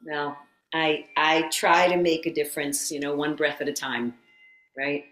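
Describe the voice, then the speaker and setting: Animated woman guest in a roomy echo. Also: low-pitched, measured pace. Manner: animated storyteller who acts out quotes and laughs often. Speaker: yoga teacher and former occupational therapist. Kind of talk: guest storytelling in a casual interview.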